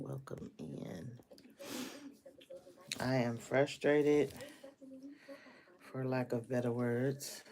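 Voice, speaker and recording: A woman's voice: a bass voice, vocal fry, mellow. A woman hosting a casual live stream, venting her frustration, repeating her greetings and complaints and swearing freely.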